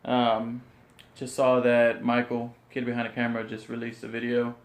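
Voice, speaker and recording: Guy starting his reaction vid, really flat voice, lots of ums, roomy echo. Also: mid-range voice, normal speed. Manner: hesitant, full of ums, subdued. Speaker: reaction channel host. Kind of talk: casual reaction video intro. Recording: echoey room.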